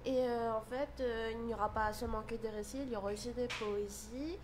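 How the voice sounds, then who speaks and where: Young woman student, slightly high voice, halting answers, faint hiss behind. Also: steady tone. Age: young adult. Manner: hesitant, many fillers. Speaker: university student. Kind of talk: interview answers.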